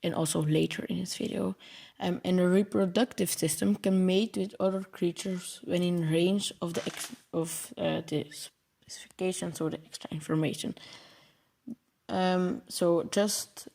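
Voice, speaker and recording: A young Belgian man, a native Dutch speaker with a Belgian Dutch accent, hosts a programming channel and walks through his coding project over slides, tripping on long words. His voice is high and darkish with vocal fry, holding a steady tone at a moderate pace.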